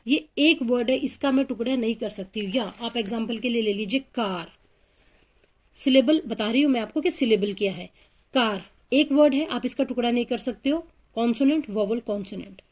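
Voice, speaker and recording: A woman with a slightly high voice teaches English phonics. She explains step by step, patiently working through example words and pausing with small fillers as she thinks.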